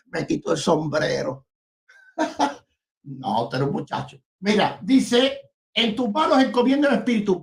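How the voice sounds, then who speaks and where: A pastor argues in a debate with fire and scorn, his voice leaping high and dropping low as he pushes his point. He tends to climb into shouting and taunt the other side. He is heated and combative throughout. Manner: combative, rising to shouts, mocking opponent.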